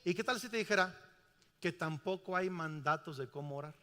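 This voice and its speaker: A man's voice: a little high, a little fast, pushed and bright. A middle-aged man, preaching a sermon emphatically and asking the congregation questions. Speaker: pastor. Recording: reverberant church hall.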